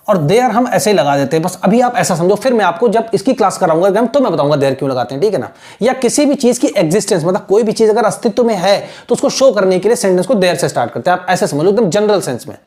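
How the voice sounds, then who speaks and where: Patient mellow-voiced male teacher. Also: high voice. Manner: patient, repetitive, often checks in with the viewer; drills pronunciation syllable by syllable. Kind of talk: screen-share language lesson.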